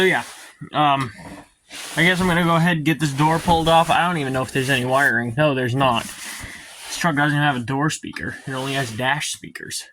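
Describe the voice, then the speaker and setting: A man's voice: mid-range voice, fairly bright tone, slight background noise. A man, talking casually through his work in his home garage, rambling with lots of ums. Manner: rambling, hesitant with many ums. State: out of breath at times. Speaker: garage vlogger. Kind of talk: casual workshop vlog.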